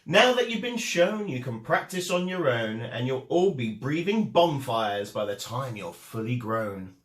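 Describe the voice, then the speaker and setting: A man's voice: mid-range voice, very animated, a little slow, echoey room, voice pushed down. A man voicing a bossy, encouraging female dragon schoolteacher in a storybook, with a grand, declamatory delivery.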